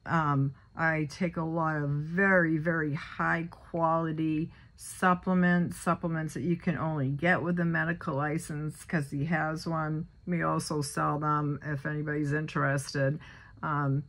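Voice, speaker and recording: Low-voiced woman in her sixties, rambling. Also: little pitch movement, a little slow, a bit bright. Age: 60s. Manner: rambling, many fillers and restarts. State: a little choked up. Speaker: vlogger. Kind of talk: casual personal monologue.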